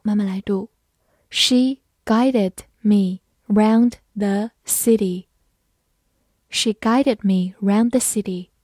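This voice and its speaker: Woman vocabulary teacher, unhurried delivery, dry close sound. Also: medium pitch, warm tone, breathy edge, no room sound. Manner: spells words letter by letter and reads example sentences slowly. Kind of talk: scripted vocabulary lesson.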